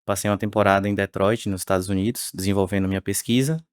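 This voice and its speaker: A man, speaking as the researcher guest on a podcast interview in a measured way with frequent tag questions. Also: on the low side, fairly even intonation, no echo, studio quality. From Salvador, Bahia, Brazil.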